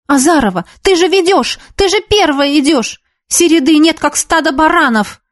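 A scolding middle-aged dance teacher, as a woman reader puts her on, raising a sharp, high voice at her class. She is exasperated. The recording is dry. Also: animated, normal speed, no echo.

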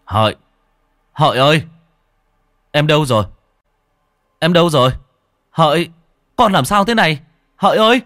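A man voicing a panicked young husband and father who shouts out urgently in a spoken ghost story. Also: fairly low pitch, sing-song, takes it slowly, pauses often, breathy edge, no echo, studio quality, heavily acted. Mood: panicked shouting.

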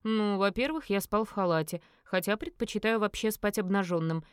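A woman voicing a smug, teasing young man in an audiobook, in her own mid-pitched voice. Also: fairly quick, clean tone, no room sound, studio quality, close to an everyday voice.

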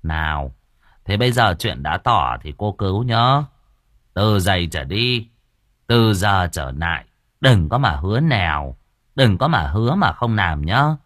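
A man voicing an irritable, sharp-tongued woman spirit medium who scolds in an exasperated way. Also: low voice, very animated, measured pace, no echo, studio quality, full character voice. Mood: scolding.

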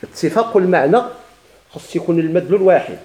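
A man's voice: high-pitched, animated, fast talker, warm tone, echoey room, rough recording. A man with a Moroccan Arabic accent teaching a grammar lesson, asking questions and answering them himself with repeated examples.

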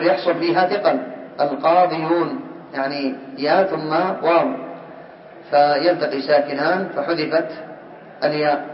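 Distant teacher quizzing his class. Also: on the high side. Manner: questions students by name, drills word forms slowly. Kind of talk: classroom grammar lesson. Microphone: far from the mic. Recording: distant, roomy, dull lo-fi recording.

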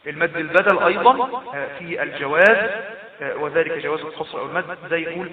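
A man's voice: a little high, fast talker. A man with an Egyptian accent teaching Quran recitation rules, patiently explaining and repeating terms, chanting verses as examples. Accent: Egyptian Arabic. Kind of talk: tajweed lesson. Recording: echoey, distant, dull lo-fi.

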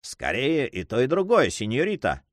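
A man's voice: mid-range voice, wildly swooping pitch, moderate pace, no echo, clean studio sound. A man voicing a gallant young nobleman who speaks courteously and earnestly to the ladies.

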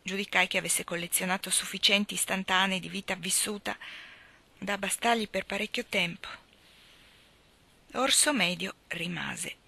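A woman reading a novel aloud as an audiobook, voicing the dialogue with lively expression. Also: mid-range voice, moderate pace, gravelly. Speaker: reader.

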